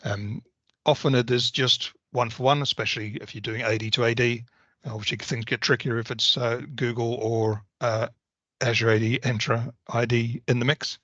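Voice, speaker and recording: A man presenting a technical software walkthrough on a video call, talking through each option in a methodical, explanatory way. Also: mid-range voice, level tone, normal speed, no echo. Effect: video call audio. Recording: slightly dull video call audio.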